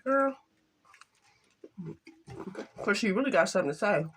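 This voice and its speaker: An older woman chatting casually to camera while eating, halting and soft-spoken, with some stutters. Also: lowish voice, a little hiss or hum. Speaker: mukbang vlogger.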